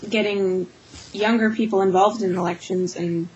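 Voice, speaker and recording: A woman interviewer asking measured questions with fillers. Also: mid-range voice, steady tone, a little mellow, muffled recording, a little hiss or hum.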